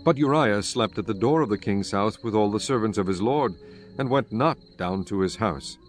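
A man with a fairly low voice narrates scripture in a measured, solemn scripted reading, with music clearly audible behind him.

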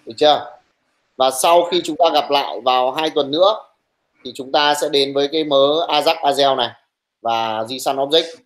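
A young male teacher running an online class, brisk and teasing, who scolds his students bluntly while taking attendance. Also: medium pitch, fairly bright tone, low-quality recording.

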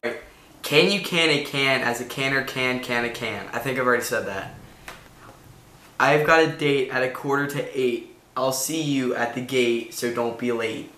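A young man with a bright, forceful voice talks to camera like a casual vlogger. His delivery is informal and a bit halting. The room around him is noticeably echoey, picked up by a camera mic at home. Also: medium pitch. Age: teens to young adult. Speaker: video host. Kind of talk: casual vlog chat.

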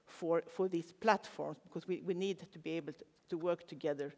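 A man's voice: on the high side, fairly even intonation, a little fast. A man speaking earnestly on a conference panel, with some restarts. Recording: reverberant conference hall.

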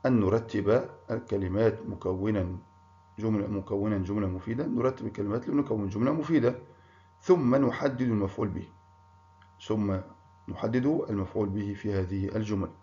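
A man's voice: on the low side, mellow. A man teaching a primary school grammar lesson, encouraging pupils and praising them by name. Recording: muffled lo-fi recording.

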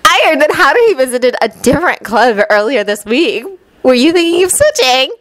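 A woman's voice: high voice, big pitch swings, moderate pace, a bit bright, dry recording, voice pushed up. A woman doing a squealing fangirl schoolgirl. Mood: sly. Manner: squealing, gushing, sly. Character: overexcited teenage girl, gushing fangirl.

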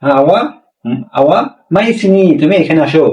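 A man giving a casual spoken language lesson, repeating phrases slowly and filling pauses with small asides. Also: on the high side, a little mellow. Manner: slow, repetitive drilling of phrases with many fillers. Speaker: language teacher. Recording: echoey room, voice from a distance.

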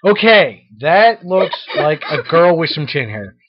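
A man's voice: fairly high pitch, big pitch swings, measured pace, dry recording, highs cut off. A middle-aged man, a dad reacting to anime characters in blunt, wry casual chat, full of ums and dry remarks.

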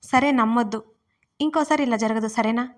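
A woman's voice: fairly high pitch, normal speed, lightly acted. Storybook husband, young man, anxious and scolding, voiced by a female narrator. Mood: pleading. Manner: shouting, scolding.

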